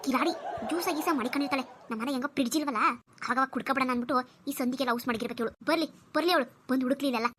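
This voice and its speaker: A nosy, scolding old mother-in-law played by a woman grumbles and mutters to herself in a very high, bright voice at a quick clip. It is cartoon voice acting. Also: a faint crowd, a little hiss or hum. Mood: suspicious.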